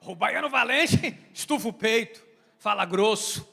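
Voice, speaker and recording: A man with a Brazilian Portuguese accent, a bishop preaching a passionate sermon with emphatic swings between loud and soft delivery, in a church sanctuary. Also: sits high, animated, measured pace, gravelly. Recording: reverberant church hall with soft music.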